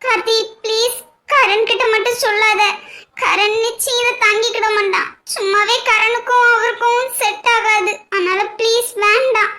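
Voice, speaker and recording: Squeaky sad young heroine voiced by a woman, bright, pleading, amateur cartoon. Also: steady tone, normal speed. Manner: pleading, tearful. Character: young woman, gentle, sorrowful, resigned to fate.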